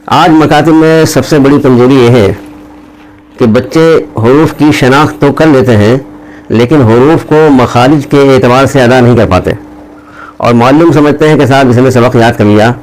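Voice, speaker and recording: A man teaching how to pronounce Arabic letters, drawing out each letter slowly between explanations. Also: mid-range voice, darkish tone, low-quality recording. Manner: slow, drawn-out letter recitation between explanations. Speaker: Quran teacher. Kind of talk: recorded teaching lesson.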